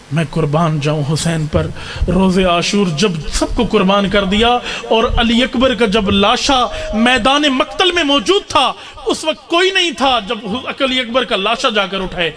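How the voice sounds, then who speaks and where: A man delivers a mourning sermon in a high voice. He tells the story with strong emotion and breaks into impassioned, rising cries when he voices the figures. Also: pushed and bright. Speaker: Shia preacher. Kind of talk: Muharram majlis sermon, dramatic storytelling. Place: mosque hall during a religious gathering.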